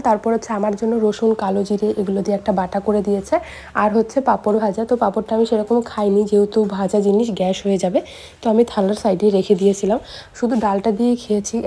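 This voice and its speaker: Hoarse, fast-talking young mother. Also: mid-range voice, warm tone, slight background noise. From India. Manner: chatty, explains everyday details. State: hoarse from a cold. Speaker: family vlogger. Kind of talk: casual voice-over narration.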